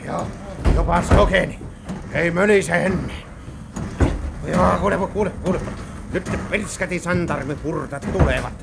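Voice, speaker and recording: A gruff, grumbling adventurer. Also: male voice, sits high, long pauses. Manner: gruff, grumbling, full of mild oaths. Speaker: adventurer hero in a radio serial. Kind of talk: 1950s radio drama acting. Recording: hissy old radio broadcast.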